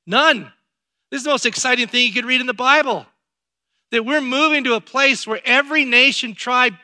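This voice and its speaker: Man preaching, emphatic sermon delivery, high voice, very bright tone. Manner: emphatic, rising to loud exhortation. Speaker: pastor.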